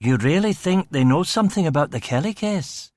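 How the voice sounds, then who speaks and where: A man's voice: on the high side, expressive, brisk, a little mellow, pitched above the performer's own voice, close to an everyday voice. A man voicing an exasperated, blustering senior police chief.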